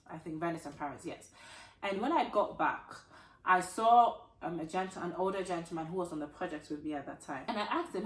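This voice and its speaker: A woman from Ghana in her thirties gives a motivational talk straight to camera, her voice a little croaky and fairly low. She speaks with earnest emphasis and piles up repeated phrases. The room around her sounds echoey. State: slightly croaky voice. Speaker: attorney and author, channel host.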